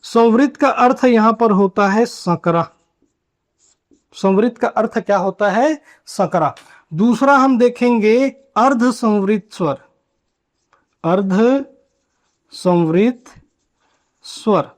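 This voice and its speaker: A man teaching a grammar lesson at a board, asking questions and answering them himself, and drawing out key terms slowly. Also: high voice. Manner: asks and answers his own questions. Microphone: writing on a board while teaching.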